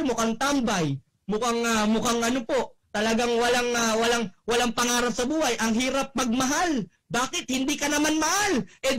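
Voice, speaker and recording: A young man giving a motivational testimonial speech, exclaiming and shouting, often tagging his lines with a questioning "no?". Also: very high-pitched. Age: young adult. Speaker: network marketing speaker giving a testimonial.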